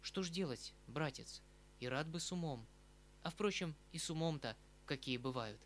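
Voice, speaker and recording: A man's voice: a little high, lively intonation, normal speed, fairly bright tone, slight background noise. A man reading the part of a tender, fretful aging uncle, a retired colonel, who talks in an emotional, rambling, pleading way. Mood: resigned. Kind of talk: audiobook reading of a classic novel. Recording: faint background music.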